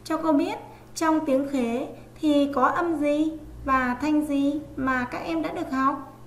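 A woman teaching an online reading lesson to young children, stretching out each sound slowly as she spells out syllables. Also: sits high, fairly even intonation, echoey room, a little hiss or hum. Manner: slow, drawn-out sounding out of letters. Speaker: online primary school teacher.

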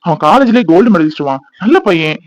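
A man's voice: sits high, expressive, quick pace, dry recording, highs cut off. A man voicing a generous old college friend in a cartoon, reassuring and soothing, with speech. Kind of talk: cartoon voice acting.

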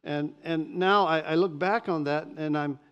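A man in his sixties preaching a sermon from a church pulpit, animated and often repeating words as he starts a sentence. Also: fairly high pitch, a little slow, clear, resonant tone, dull audio. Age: 60s. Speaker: pastor. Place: church stage behind a pulpit.

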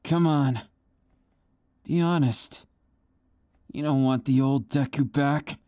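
A man's voice: mid-range voice, slow pace, very noisy, lightly acted. A man voicing a cocky, villainous teenage boy in a fan audio drama, taunting and menacing, at times stammering as he feigns nerves. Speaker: voice actor.

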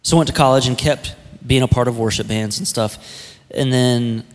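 A man in his thirties, an executive pastor, telling his story in a relaxed, chatty way on a church stage with a handheld mic. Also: mid-range voice, normal speed. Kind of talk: casual church interview. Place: church stage set with armchairs. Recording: long reverb of a large hall.

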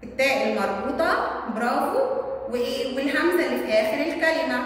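A woman's voice: high-pitched, lively intonation, quick pace, a little hiss or hum. A woman with an Egyptian Arabic accent explaining a primary school lesson, asking questions and answering them herself. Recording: echoey room, voice from far off.

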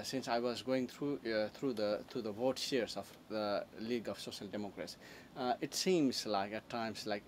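A man's voice: lowish voice, slight background noise. A young man conducting an interview in English, asking questions with many fillers and frequent yeses. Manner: many fillers, steady yes and uh-huh. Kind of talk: sit-down interview. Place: room with bookshelves and a leather sofa.

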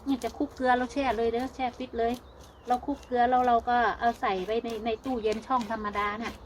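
An older Thai woman with a northeastern Isan accent talks in a slightly high voice. She chats to her viewers in a homespun, folksy way. Steady background noise runs under her voice. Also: fast, low-quality recording. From Thailand. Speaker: vlogger. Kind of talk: casual chat to viewers.

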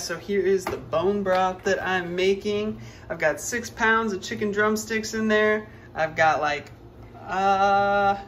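Filming a casual vlog in his living room and kitchen, a young man talks cheerfully and directly to his viewers. His voice is high-pitched and fairly bright, with slight background noise.

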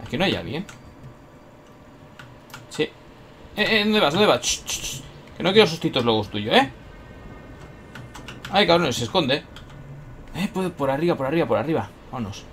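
A young man from Spain with a Spanish accent, commenting on his own gameplay and talking to himself, excitable and swearing often. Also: on the high side, normal speed, pauses often, a little hiss or hum. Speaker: gaming YouTuber.

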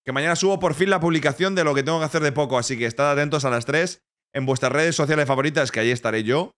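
A man's voice: fairly high pitch, quick pace, fairly bright tone. A man from Spain streaming live, chatting casually and joking, with playful mock-French and bits of other languages. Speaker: Twitch streamer.

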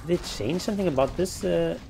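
A man's voice: a little high, fast, gravelly, poor audio. A man in his thirties giving casual commentary as he plays a video game at home. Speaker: gamer commentating his playthrough. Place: home room, indoors. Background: faint game music.

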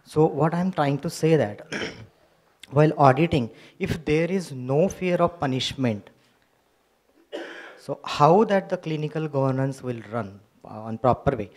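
A man with an Indian English accent asking a question from the audience in a lecture hall, halting and searching for words. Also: on the high side, a little mellow.

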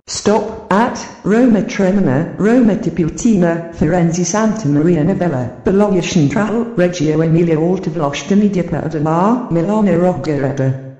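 A woman gives train station announcements, calm and measured. Her voice is mellow and fairly low. It echoes through a reverberant hall. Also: highs cut off. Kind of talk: formal scripted announcement.

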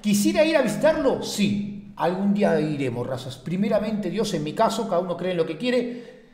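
A man giving loud, jokey, slang-heavy reaction commentary, swinging between shouts and mumbles. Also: high-pitched, big pitch swings, moderate pace, roomy sound, in a large hall. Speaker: reaction streamer.

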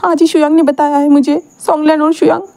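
A lovesick young man sobs out his pleas in a high, broken voice, as a woman acts him out. He repeats himself in panic, crying between words. The tone stays dark and mellow under the tears. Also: flat delivery, quick pace. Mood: anxious pleading.

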